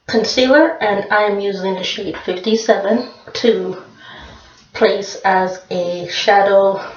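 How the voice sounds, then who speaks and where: A woman talks through a makeup tutorial at an unhurried pace, repeating phrases as she goes. Her voice sits in the middle range and sounds distant and muffled. A reverberant room surrounds the recording. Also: medium pitch. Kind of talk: casual how-to talk. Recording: echoey room, mic far off, dull sound.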